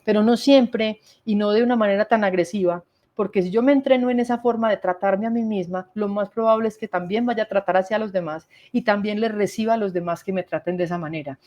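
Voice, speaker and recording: Woman leading a workshop, mid-pitched, explaining patiently with lists and rhetorical questions. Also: a little fast, lo-fi sound. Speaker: workshop speaker. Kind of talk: instructional talk on communication.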